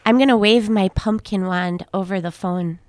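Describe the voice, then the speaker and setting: A woman's voice: mid-range voice, normal speed, darkish tone, no room sound. A woman co-hosting a playful radio call-in giveaway, talking cheerfully with callers in a sing-song way. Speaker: radio show co-host. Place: radio studio.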